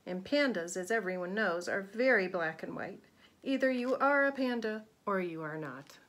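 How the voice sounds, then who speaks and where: A woman reading a children's picture book aloud, expressive and pausing to ask young listeners questions. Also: mid-range voice. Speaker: read-aloud narrator.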